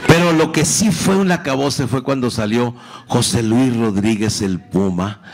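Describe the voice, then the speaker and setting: A middle-aged Mexican man doing profane, animated stand-up storytelling. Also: medium pitch, a little slow. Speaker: comedian. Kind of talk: stand-up comedy.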